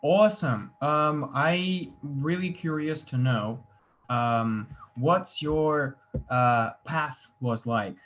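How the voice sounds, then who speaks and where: Over dull video call audio with faint noise, a male host runs a relaxed, informal interview with easygoing questions. His voice is medium-pitched and a bit bright.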